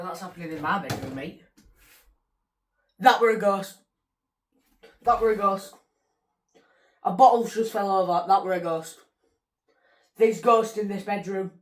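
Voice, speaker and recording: A woman hosting a casual reaction vlog, chatty and easily startled. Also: medium pitch. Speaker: reaction video host.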